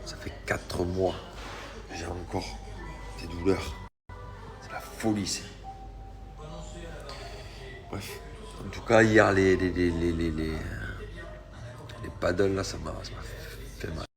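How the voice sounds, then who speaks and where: A sore, tired man chatting casually in a slangy, animated vlog, telling stories with many restarts. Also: sits low, takes it slowly, pauses often, over music. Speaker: vlogger. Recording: echoey room.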